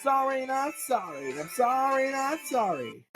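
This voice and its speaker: An eighteen-year-old man sings comedy songs in a slow, drawn-out delivery. He pokes fun at himself in a confessional way, with faint music behind him. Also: extremely high pitch, sing-song, fairly bright tone, rough recording. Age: late teens. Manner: self-mocking, confessional singing. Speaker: singer-songwriter. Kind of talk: comedic song performance.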